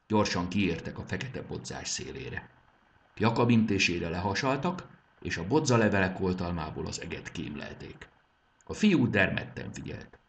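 Male storyteller, low voice, very lively delivery. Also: gravelly. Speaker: narrator. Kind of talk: storybook reading.

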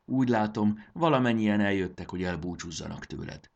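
A man's voice: fairly low pitch, animated, vocal fry, muffled recording. A man voicing a friendly giant lizard-bird steed that talks in a playful, good-humored way in a storybook reading.

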